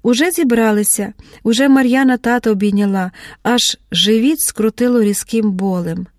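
A woman narrating an audiobook in a measured, expressive reading. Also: fairly high pitch, no echo, clean studio sound. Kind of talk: scripted narration.

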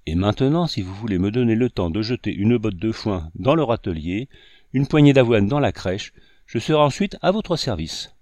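A man voicing an eager girl of about sixteen, higher and louder than his narration. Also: expressive, moderate pace, dry recording, close to an everyday voice.

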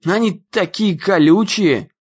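A man voicing a whiny, indignant fourteen-year-old boy who shouts complaints and threats in an audiobook. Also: high-pitched, very animated, normal speed, muffled recording, pitched above the performer's own voice, exaggerated voice. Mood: whining.

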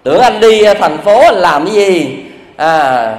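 A man's voice: a little slow, lightly acted. A man with a Southern Vietnamese accent voicing a jealous country wife who wails and accuses. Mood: jealous, wailing. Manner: shrill, accusing, complaining. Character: jealous wailing country wife, middle-aged. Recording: echoey hall reverb.

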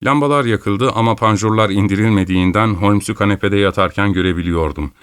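A man narrating an audiobook in a steady, measured storytelling manner. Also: on the low side, clear, resonant tone, no echo, clean studio sound. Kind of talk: scripted narration.

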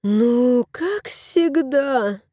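Plump middle-aged lady, whiny, cooing baby talk, very high, woman reader putting her on. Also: very animated, takes it slowly, a little mellow, dry recording, clean studio sound, exaggerated voice.

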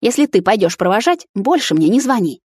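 A woman's voice: sing-song, a little fast, darkish tone, breathy edge, dry recording, studio quality. A woman voicing a furious, jealous young woman who screams and sneers in an audiobook. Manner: shrill, screaming, scornful. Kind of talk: audiobook character voice.

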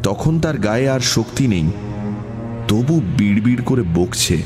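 A man narrating an audiobook story in a measured storytelling manner. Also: medium pitch, animated. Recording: music bed under voice.

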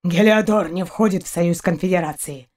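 A woman voicing a gruff dog-like alien spacer. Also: moderate pace, darkish tone, close to an everyday voice. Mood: curt. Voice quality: rough low voice.

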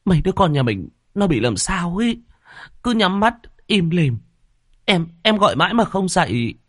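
Brief: frantic crying village woman, high broken voice, as a male narrator puts her on. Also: big pitch swings, normal speed, a bit bright, no room sound, clean studio sound, heavily acted. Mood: tearful panic. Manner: high, tearful, stammering pleas. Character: frantic weeping village mother, adult woman.

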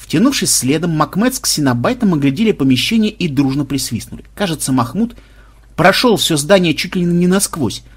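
A man narrating an action audiobook in an expressive manner. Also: on the high side, fairly quick, breathy edge.

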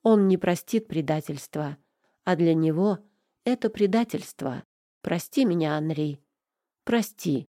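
A woman's voice: lowish voice, lively intonation, a little slow, dark tone, no room sound, clean studio sound. A woman narrating a first-person audiobook with emotional, tearful delivery.

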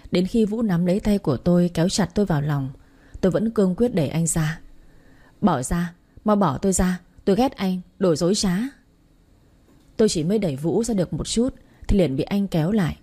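A woman's voice: on the low side, dark tone, breathy edge. A woman narrating a first-person romance story in a tender, emotional reading.

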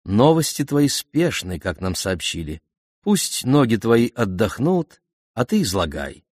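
A man voicing a gracious, affectionate queen who speaks gently and persuasively. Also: fairly low pitch, sing-song, a little slow, no echo, studio quality.

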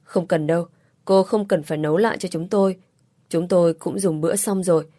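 A woman's voice: lowish voice, fairly even intonation, fairly quick, mellow, dry recording, clean studio sound, natural voice. A woman reading an audiobook story, voicing a considerate young man who speaks patiently and placatingly. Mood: calm.

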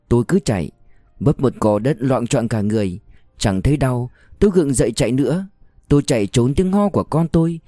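Dark-voiced man reading a novel. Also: mid-range voice, no room sound, studio quality. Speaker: audiobook reader. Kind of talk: scripted narration of a war novel.

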